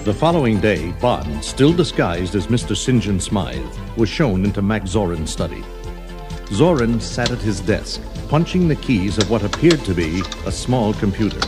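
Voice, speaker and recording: On what seems to be an old 1980s storybook tape, a male reader narrates a children's adventure from a script over background music. His voice sits low, moves at an even, moderate speed and rises and falls dramatically.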